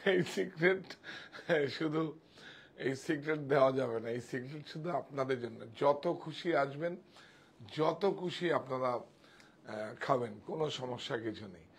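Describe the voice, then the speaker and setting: A man's voice: on the high side, normal speed, breathy edge. Chatty man selling saris live. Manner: chatty, showing saris and directing helpers off to the side. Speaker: sari seller on a live sale. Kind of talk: live sales stream.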